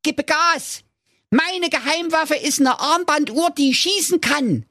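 Thorsten, a shouty hot-headed dwarf agent. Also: male voice, slow, no room sound, studio quality, heavily acted. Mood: fired up. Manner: shouty, rough-mouthed squeak.

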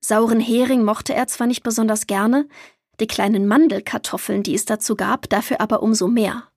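A woman reading a children's story aloud in a lively storytelling manner. Her voice is fairly high and a little breathy, and the recording is dry and close. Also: normal speed, no room sound. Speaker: narrator.

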